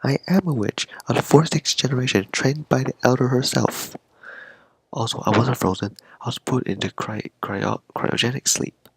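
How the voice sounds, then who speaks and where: A man's voice: medium pitch, moderate pace, slightly rough, no echo, poor audio. A man voicing a proud young witch who insists on her standing, as he reads a game's dialogue aloud. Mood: indignant.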